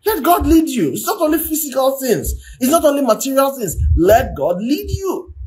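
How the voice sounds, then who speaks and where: A man's voice: very high-pitched, very animated, normal speed, darkish tone. A man speaks on a livestream as a relationship coach. His delivery is preachy and full of repeated phrases. He regularly checks in with his listeners by asking whether they understand. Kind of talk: livestream marriage advice talk.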